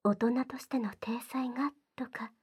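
A woman voicing a gentle, devoted young maid in an ASMR roleplay, speaking softly and very formally, often in a whisper. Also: on the high side, steady tone, measured pace, breathy edge. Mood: coaxing. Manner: soft-spoken, very formal polite speech, often whispered.

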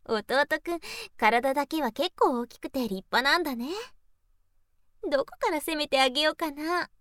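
A woman's voice: sits high, moderate pace, fairly bright tone, dry recording, clean studio sound. A woman voicing a teasing, playful older sister in an intimate audio role-play, coaxing in a sing-song way. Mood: playfully mischievous.

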